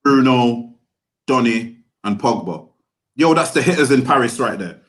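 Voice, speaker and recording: A male co-host speaks with a London roadman accent and heavy street slang. His voice sits at a medium pitch as he gives casual, opinionated football banter. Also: lively intonation, a little slow. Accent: London, roadman-style street slang. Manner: slangy, opinionated, repeats tag phrases like a street chat. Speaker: podcast co-host.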